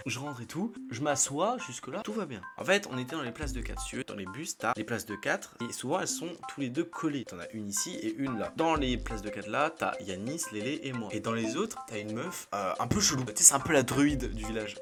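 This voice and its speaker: A young man in the middle of his pitch range, recounting anecdotes to his viewers in loose street slang. He is chatty and easygoing and keeps breaking into laughter. Music plays clearly behind his voice. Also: animated, a little fast. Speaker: YouTuber. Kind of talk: casual storytelling to camera.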